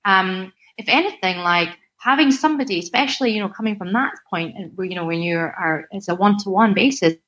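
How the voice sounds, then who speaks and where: Talking fairly quickly with few pauses, this woman from Scotland, a personal trainer, keeps up a chatty, casual conversation full of "like" and "right?". Her mid-range voice is fairly bright, though the lo-fi recording comes across dull.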